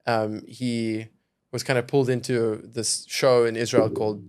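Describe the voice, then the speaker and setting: Speaking slowly in a level, mid-range voice that is darkish, clear, and resonant, a young venture capitalist from South Africa chats as a podcast guest. He's thoughtful and keeps softening his points with "kind of" and "you know."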